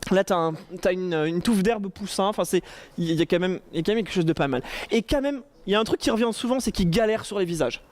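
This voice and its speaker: High-voiced man giving a casual tech talk. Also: fast, a little mellow. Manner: informal and joking, with frequent fillers and restarts. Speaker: conference speaker on AI.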